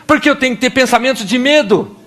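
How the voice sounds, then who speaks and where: With an extremely high pitch and fast delivery, a young Brazilian pastor preaches animatedly in a Brazilian Portuguese accent. He acts out little scenes and prayers, shifting between different voices.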